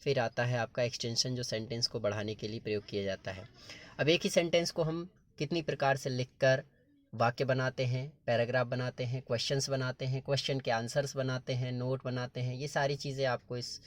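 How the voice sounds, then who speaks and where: A man's voice: medium pitch, little pitch movement, fairly quick. A male teacher explaining grammar patiently, step by step, in a classroom-lesson style. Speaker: English teacher.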